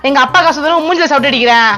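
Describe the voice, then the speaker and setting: A woman playing a sharp-tongued housewife and mother in a comedy skit. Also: high-pitched. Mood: scolding. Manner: scolding, brisk. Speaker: comic actress. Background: background music.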